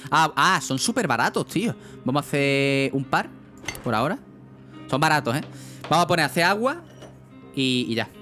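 A young man chats through a gaming livestream in a loose, casual way. He swears freely and keeps turning to his viewers for advice. Soft music plays faintly underneath. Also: a little high, big pitch swings, moderate pace, long pauses. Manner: casual, chatty, asks chat often, swears. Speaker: streamer.

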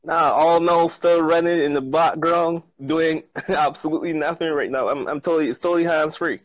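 A man's voice: fairly high pitch, fairly even intonation, moderate pace, no room sound. Laughing Barbadian man on a video call. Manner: laughs often, repeats words for emphasis. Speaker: guest, trader and chef. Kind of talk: casual video-call interview. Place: outdoors on a sunny patio. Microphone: earphone mic on a video call. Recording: slightly muffled, dry video-call audio.

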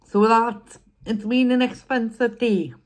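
A woman's voice: a little high, fairly even intonation, measured pace. A young woman, chatting casually while eating on camera and repeating herself as she rambles. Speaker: food vlogger. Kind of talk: casual mukbang chat.

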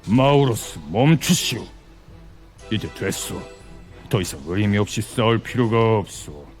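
A low solemn game envoy, calm and persuasive, formal wording, soft music behind. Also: male voice. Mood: commanding. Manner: formal, measured, grave. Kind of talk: dramatic game voice acting.

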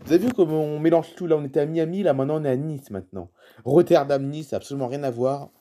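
Speaking fast in a fairly high, dark-toned voice, this man gives casual screen-recording commentary over a live flight-tracking map. Unfamiliar place names puzzle him as he calls out cities and aircraft types and talks to his viewers.

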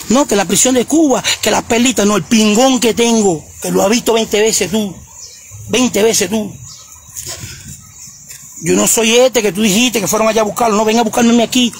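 A man on a phone livestream, his voice pitched very high with a gravelly edge. He talks in mocking, repetitive insults, with faint noise behind him. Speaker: social media livestreamer. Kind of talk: ranting livestream.

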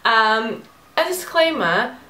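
Recorded on a distant mic in an echoey room, this woman's voice is a little high, sing-song and sharp, and she takes her time. She's a twenty-something beauty vlogger with a Portuguese accent doing her makeup at home in her bedroom, chatting in a rambling, self-deprecating way for a get-ready-with-me video.

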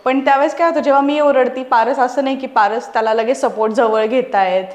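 Mom in her 30s, high voice, earnest, chatty, echoey room. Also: a little fast, highs cut off. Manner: earnest, animated, explaining with examples. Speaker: guest parent. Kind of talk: casual conversation.

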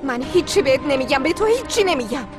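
A woman's voice: high voice, expressive, over music. A woman dubbing a young wife who firmly refuses to explain herself to her husband. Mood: defiant. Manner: defiant, firm. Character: young wife, stubborn and hurt.

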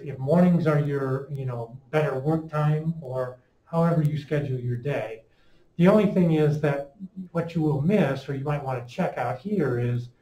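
Mellow, masked man in echoey classroom. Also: mid-range voice. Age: middle-aged. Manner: speaking through a face mask, slightly muffled. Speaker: high school calculus teacher. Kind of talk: informal classroom lecture. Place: indoor classroom in front of a chalkboard. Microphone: fixed microphone a few steps away. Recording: roomy classroom echo, distant microphone.

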